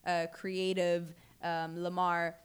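A young adult woman from Abu Dhabi, a guest entrepreneur telling her story in a chatty, animated way, full of "like"s. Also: lowish voice, slow pace, clean tone. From Abu Dhabi, UAE. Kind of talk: casual chat.

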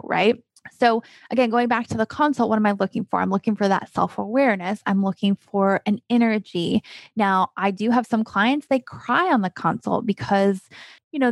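A woman's voice: medium pitch, no echo. A woman, a coach hosting her own podcast, talking casually and emphatically, firing off rhetorical questions. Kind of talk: casual solo podcast talk.

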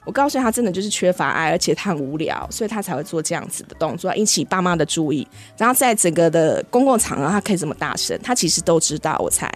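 一位四十多岁的台湾口音女士，在播客里以生动的方式讲述教学故事，常常笑。. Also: female voice, lowish voice, fast talker, few pauses, faint music behind. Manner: lively, laughs often while telling stories. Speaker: guest, kindergarten English teacher. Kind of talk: podcast storytelling.

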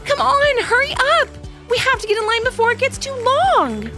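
A woman voicing an eager, determined young girl in a children's story, high and excited, pleading hard to get her way. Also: normal speed, music in the background.

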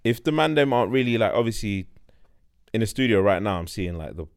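Male podcast co-host, London roadman accent, street slang, lowish pitch, dry close studio sound. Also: expressive, brisk, creaky, clear, resonant tone, dry recording. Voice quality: roadman slang-heavy speech. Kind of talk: casual chat.

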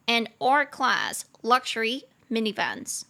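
A young woman hosting a casual English lesson podcast, explaining words and spelling them out slowly with a lively, self-amused manner. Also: a little high, gravelly.

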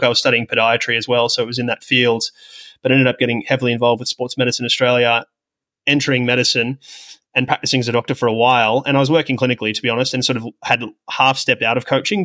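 Appearing as a podcast guest, a man who works in sports technology and has a background in medicine and coaching explains things in a rambling, reflective, self-deprecating way. His voice is mid-range, pushed, and bright.

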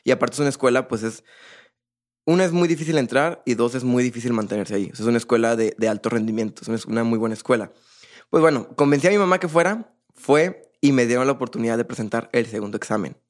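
A man's voice: medium pitch, fast. A young man, a percussionist guest, telling his story in a casual, rambling way with many fillers and restarts.

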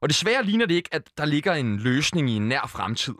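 A man with a bright, lively voice delivers provocative, deadpan one-liners on a satirical comedy podcast. The studio sound is dry and close, and his pitch jumps around as he talks. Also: no echo. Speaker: podcast co-host.

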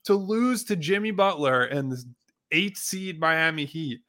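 A man's voice: on the high side, animated, a little slow, sharp tone. A man co-hosting a sports podcast, arguing his points bluntly and emphatically, with frequent swearing and restarts. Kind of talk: casual sports debate.

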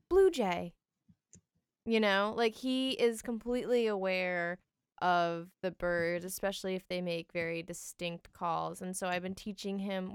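A woman's voice: medium pitch, clean tone, dry recording, studio quality. A woman co-hosting a podcast, chatting casually with many fillers and laughs. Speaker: podcast co-host. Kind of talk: casual chat.

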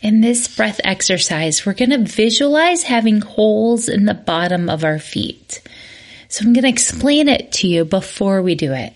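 A woman podcast host with a breathy voice, casually explaining a relaxation exercise. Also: medium pitch, animated, moderate pace.

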